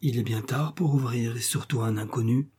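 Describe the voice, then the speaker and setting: A man voicing an innocent, timid young peasant girl who pleads softly with her father. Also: medium pitch, brisk, breathy edge.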